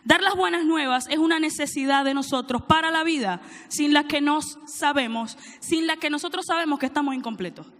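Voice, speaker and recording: A woman preacher with a high voice delivers a sermon, reading verses aloud and asking the congregation to answer back. Her voice carries a long, ringing church reverb. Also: fairly quick, few pauses, a bit bright. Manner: reads scripture aloud, prompts congregation to answer. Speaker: preacher, church teaching director.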